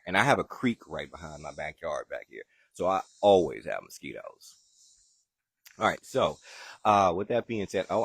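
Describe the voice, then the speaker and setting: This gardening show host has a low-pitched voice, and the recording carries no room sound. Speaking with a Southern accent, he chats casually from his backyard during a live gardening session, fielding questions from viewers.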